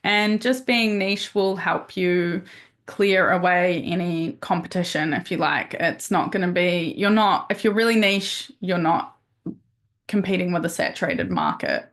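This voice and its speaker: A woman's voice: lowish voice, expressive, measured pace, a bit bright. Chatty woman giving a podcast webinar. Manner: chatty, upbeat, loose with fillers and restarts. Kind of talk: casual webinar talk.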